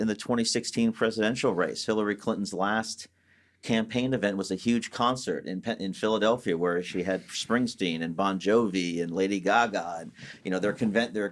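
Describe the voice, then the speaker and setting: Low-voiced man rambling through a story. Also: moderate pace. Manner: rambling storyteller, lots of restarts and asides. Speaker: panel guest. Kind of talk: casual panel discussion.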